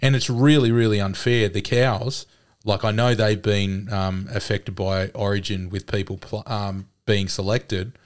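Aussie bloke hosting a podcast, lowish clean voice, just chatting and giving his take. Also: steady tone, measured pace. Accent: Australian. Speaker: sports podcast host. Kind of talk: casual chat, opinionated sports and TV commentary.

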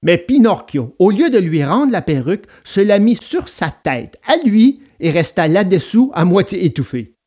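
A man narrating a children's storybook aloud in an expressive, dramatic read-aloud manner. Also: high voice, moderate pace, few pauses, husky.

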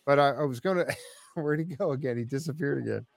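A man's voice: mid-range voice, fast talker, creaky, crowd noise. A man hosting a casual radio chat, easygoing and chuckling while fiddling with his equipment. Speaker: radio show host.

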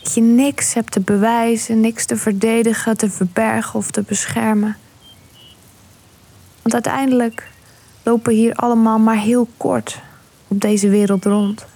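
A woman leads a guided meditation in a slow, unhurried way. Her voice is mellow and breathy, and she often drops into a hushed whisper. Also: a little high, little pitch movement.

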